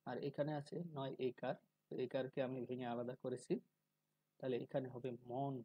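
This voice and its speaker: Guy teaching pronunciation, slow and careful, dark husky voice, dry close sound. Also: mid-range voice, level tone, no echo, low-quality recording. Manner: slow, deliberate, drawing out syllables when demonstrating. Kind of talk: calm spoken lesson.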